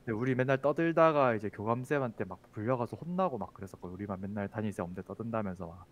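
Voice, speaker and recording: A man's voice: on the low side, expressive, rapid-fire, a little hiss or hum. A man who is a teacher, chatting casually and telling a childhood story, with many fillers. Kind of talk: casual chat.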